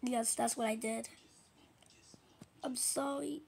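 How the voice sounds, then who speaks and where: A woman's voice: on the high side, steady tone, slow pace, gravelly, a little mellow, a little hiss or hum. A tired woman casually commenting on a video game as she plays, often dropping into a mumbled whisper after staying up all night. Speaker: gameplay vlogger.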